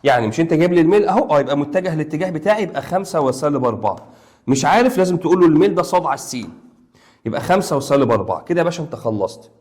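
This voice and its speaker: An Egyptian man in his young adult years explains math to students online. He talks in a quick rush with a voice pitched a little high. He is playful and encouraging, and he banters with the class like friends. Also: expressive, a little mellow. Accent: Egyptian Arabic. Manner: rapid, playful and coaxing, talks to students as pals. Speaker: math teacher.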